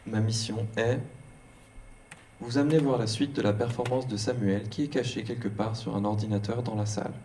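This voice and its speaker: A male-sounding synthetic robot voice acting as a guide to a stage performance, speaking in slow, choppy, word-by-word fragments. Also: lowish voice, steady tone, warm tone. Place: performance hall. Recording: distant voice with faint room noise.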